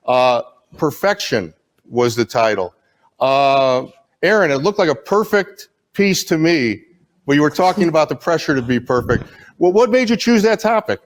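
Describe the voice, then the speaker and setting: A man's voice: a little high, expressive, normal speed, poor audio. A man hosting an online award ceremony, friendly and a bit fumbling over names. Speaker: awards host.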